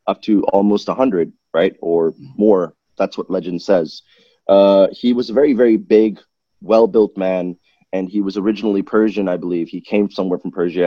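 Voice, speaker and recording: A deep-voiced man from Malaysia, captured in a dry, muffled recording, is a guest in a casual interview. He talks at length in an animated, rambling way, restarting often and correcting himself.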